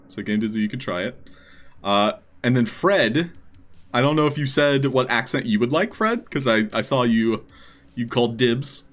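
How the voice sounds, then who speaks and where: A man hosting a live stream, chatting casually with his viewers. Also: mid-range voice.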